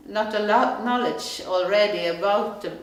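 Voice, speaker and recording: A woman teaching a craft course gives halting, reflective interview answers and often restarts her sentences. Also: medium pitch. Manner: halting, searching for words, restarts. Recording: very echoey room.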